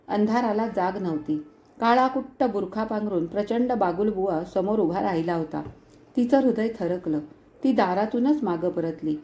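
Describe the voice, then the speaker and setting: A woman reading a novel aloud in a measured, expressive storytelling style with reflective pauses. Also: mid-range voice, lo-fi sound. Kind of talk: storytelling narration.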